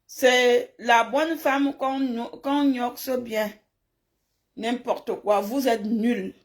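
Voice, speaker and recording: Very slowly and with fairly even intonation, a woman with a slightly high voice responds to comments on a casual live stream. She's from francophone Africa, grew up in a village, and is blunt, scolding, emphatic and repetitive.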